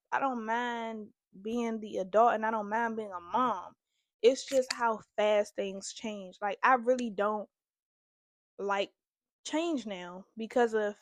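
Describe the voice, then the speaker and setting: A woman's voice: on the high side, dry recording. A young woman hosting a candid, confessional vlog, talking earnestly and emotionally straight to her viewers. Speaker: host.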